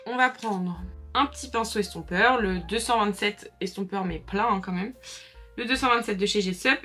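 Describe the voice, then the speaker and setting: A young woman chatting casually to her viewers while doing her makeup, full of fillers and asides. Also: mid-range voice. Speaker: makeup vlogger. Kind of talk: casual makeup tutorial chat. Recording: faint background music.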